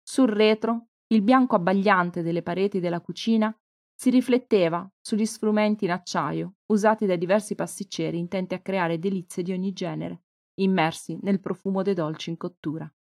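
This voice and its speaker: A woman author reading her novel aloud in a calm, even storytelling manner. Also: medium pitch, normal speed, vocal fry, no echo, studio quality. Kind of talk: audiobook narration.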